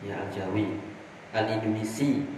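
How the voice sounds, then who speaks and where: A man's voice: lowish voice, fairly even intonation, measured pace, darkish tone, a little hiss or hum. A man teaching Arabic grammar from a classical text, putting questions to his students and answering them himself. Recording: echoey hall from far off.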